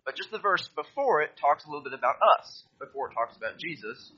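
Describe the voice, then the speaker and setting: A man delivers a sermon with a bright, forward voice and a husky edge to it. He reads scripture aloud and explains it, asking listeners to turn to the verses with him. The recording sounds a little dull and lo-fi. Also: on the high side, lively intonation, fast. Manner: addresses listeners directly, asks them to turn to verses. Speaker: preacher.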